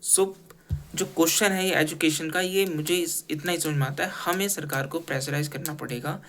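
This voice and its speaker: Earnest Hindi-speaking man, higher voice. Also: steady tone, normal speed, a bit bright, slight background noise. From India. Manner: earnest and critical, with frequent restarts. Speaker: commentator. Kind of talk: spoken opinion piece.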